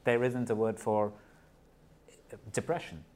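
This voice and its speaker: He speaks slowly in a lowish, slightly mellow voice with fairly even intonation. The man, who comes from Nepal and India, is a corporate partner and mental health advocate being interviewed on a podcast; he's earnest and keeps restarting and repeating words.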